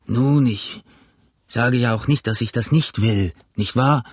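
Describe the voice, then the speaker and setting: A man voicing a surly pirate coxswain who grumbles in a higher, raised voice, in an audiobook reading. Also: unhurried, husky, dry recording, studio quality. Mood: grumbling.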